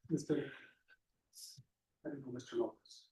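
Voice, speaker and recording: Defense attorney in a distant courtroom recording. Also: male voice, medium pitch, steady tone, measured pace, warm tone. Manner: hesitant, repeats words. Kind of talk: courtroom questioning. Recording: echoey courtroom from far off.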